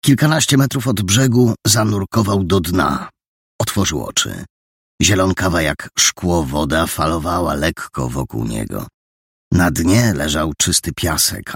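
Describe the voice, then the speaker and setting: A man's voice: low-pitched, vocal fry, slightly rough, dry recording, clean studio sound. A man narrating an audiobook, expressively, voicing every character. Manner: expressive, many character voices.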